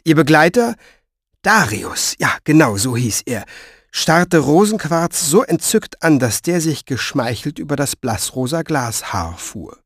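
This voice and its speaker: Lively male audiobook narrator. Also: fairly high pitch, unhurried, dry recording, clean studio sound. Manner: lively, expressive storytelling. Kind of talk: scripted narration.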